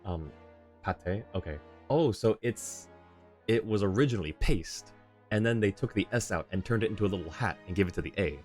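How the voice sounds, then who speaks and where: Reading aloud from the screen and chat, a man gives casual commentary during a live game stream from an indoor setup. His voice is on the low side, animated and darkish, at a moderate pace, over faint game music.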